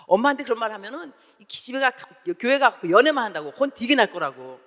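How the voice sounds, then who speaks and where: 한 여성이 흉내 내는 깜짝 놀란 십대 여학생. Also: female voice, a little high, sing-song, quick pace, fairly bright tone, big-room sound, pitched above the performer's own voice. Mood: alarmed. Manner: shocked, protesting. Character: startled teenage schoolgirl.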